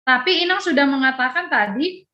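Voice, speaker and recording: A woman, teaching a youth Bible lesson over a video call. She chats lively, laughs often and acts out dialogue. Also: sits high, brisk, dull audio.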